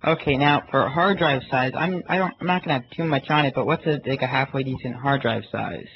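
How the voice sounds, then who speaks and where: A man talks in a casual, halting way, as someone making an inquiry by phone. His pitch is middling, and the sound is dull with faint noise underneath. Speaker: prank caller. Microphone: phone call. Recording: muffled, noisy phone call recording.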